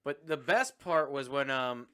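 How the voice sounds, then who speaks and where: Man with a bright edgy voice riffing on a movie, jokey, keeps doing little voices. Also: mid-range voice, unhurried, smooth. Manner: jokey, riffs on scenes with put-on character voices. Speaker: podcast co-host. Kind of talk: casual movie recap chat.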